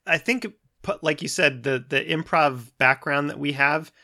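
A man's voice: on the high side, normal speed, pushed and bright. A man talking casually about a shared tabletop game, rambling with many restarts and fillers. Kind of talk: casual podcast chat.

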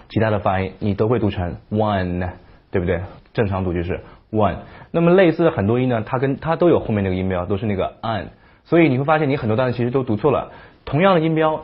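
A man who speaks natively, teaching English pronunciation in a casual spoken lesson, explaining and slowly repeating example words. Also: on the low side, husky. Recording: dull lo-fi audio.

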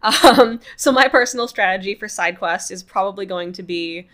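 A woman game master chatting casually about improvising side quests, talking in quick bursts. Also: mid-range voice, fairly bright tone. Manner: chatty, quick bursts, laughs between points. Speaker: podcast co-host and game master. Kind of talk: casual chat about running tabletop games.

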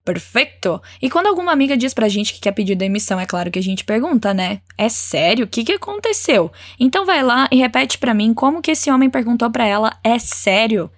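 A woman's voice: on the high side, lively intonation, no room sound, clean studio sound. Encouraging woman teaching Spanish phrases. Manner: encouraging, models phrases slowly and clearly. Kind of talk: language lesson with repeat-after-me drills.

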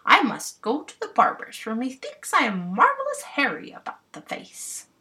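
A woman voicing a foolish, self-important male clown with a donkey's head, loud and bossy. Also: high voice, wildly swooping pitch, moderate pace, pitched above the performer's own voice, full character voice.

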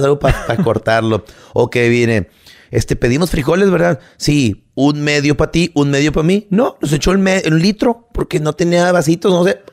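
A man's voice: mid-range voice, darkish tone. A man with a Mexican Spanish accent, co-hosting a casual podcast and ranting heatedly, with plenty of swearing. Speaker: podcast co-host. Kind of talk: casual chat.

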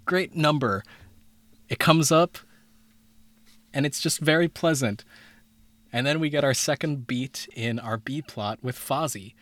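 A man's voice: medium pitch, measured pace, long pauses, a bit bright. Man rambling from a cramped, hot closet. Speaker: podcast co-host. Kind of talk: casual comic recap chat. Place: small unventilated closet.

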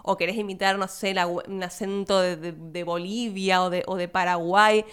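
A young Argentine woman, not from Buenos Aires, hosting a podcast and chatting casually about a film, laughing and speaking quick asides to her listeners. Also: fairly low pitch, little pitch movement, fairly bright tone, clear, resonant tone. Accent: Argentine Spanish, not Buenos Aires. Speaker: podcast host.

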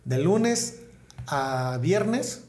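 A man's voice: a little high, animated, drawn-out words, darkish tone. A man with a northern Mexican accent chatting casually and telling stories, slangy and profane, repeating words for emphasis. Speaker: comedian, podcast guest. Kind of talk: casual conversational storytelling. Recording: roomy echo, clear background noise.

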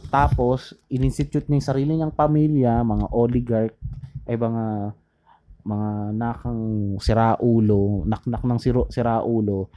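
A man casually talking through history, rambling and pausing to search for names, mixing English into his Tagalog. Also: mid-range voice, steady tone, mellow. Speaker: podcast co-host.

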